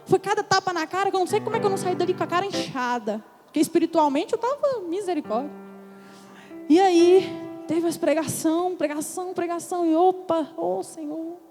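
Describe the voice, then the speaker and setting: A young woman on a church congress stage, telling her conversion story with animated storytelling and acting out her own past words. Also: very high voice, fairly quick. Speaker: testimony speaker at a church congress. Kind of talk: emotional religious testimony. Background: music.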